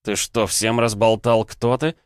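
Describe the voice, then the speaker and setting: A man's voice: fairly low pitch, steady tone, unhurried, clean tone, dry recording, studio quality, pitched above the performer's own voice, close to an everyday voice. A man voicing a hot-tempered young male cadet who snaps and hisses his words. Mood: angry. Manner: snapping, hissing.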